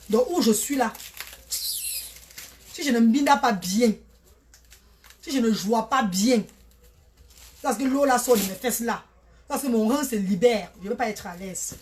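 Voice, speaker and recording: Woman in her thirties, blunt and repetitive live-stream talker, slightly high voice, faint background hiss. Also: darkish tone. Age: 30s. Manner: blunt, repetitive, calls listeners "maman". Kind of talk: casual live stream monologue.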